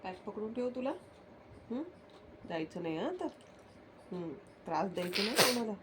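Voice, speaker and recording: A woman's voice: mid-range voice, lively intonation, moderate pace, fairly bright tone, a little hiss or hum. A woman talking to her pet dog at home in coaxing baby talk, teasing and asking it questions.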